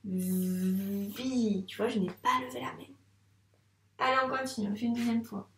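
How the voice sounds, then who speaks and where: A woman teacher guides young children through a handwriting lesson in a patient, encouraging way, talking straight to the child. Her voice sits fairly high. The recording sounds roomy and echoey, with her standing a little away from the microphone. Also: steady tone, gravelly, sharp tone, recorded from a distance, a little hiss or hum. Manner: slow, patient, encouraging, addresses the child directly. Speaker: first-grade teacher.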